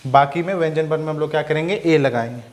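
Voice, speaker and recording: A young man teaching a grammar lesson, who asks questions and answers them himself and sounds words out slowly. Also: on the high side. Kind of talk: Hindi-medium English grammar lesson.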